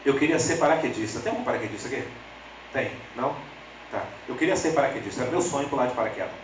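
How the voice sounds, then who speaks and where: A man's voice: fast talker, background noise. A man with a Brazilian accent preaching a humorous storytelling sermon, chatting directly with the congregation. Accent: Brazilian Portuguese. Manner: swings into lively high voices for quoted people. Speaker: lay preacher. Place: church sanctuary. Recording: echoey church hall, slightly distant.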